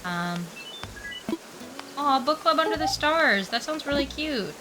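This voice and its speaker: A young woman with a mild cold livestreams from her room at home with the window open, game music playing in the background, in a rough recording. Her high voice has lively intonation at a measured pace as she chats casually while playing. She rambles in a scatterbrained way, with lots of ums and restarts and soft laughs, reading and answering chat.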